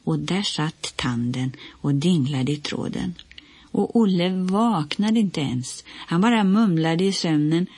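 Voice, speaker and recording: Woman narrator for a kids' audiobook, low, slightly husky voice. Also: dry recording. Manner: gentle, storytelling. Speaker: audiobook reader. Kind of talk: storybook reading.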